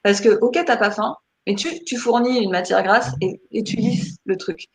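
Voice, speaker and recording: A woman's voice: mid-range voice, moderate pace, echoey room. A woman from France with a French accent, an enthusiastic interview guest who stumbles and repeats words. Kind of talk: interview conversation.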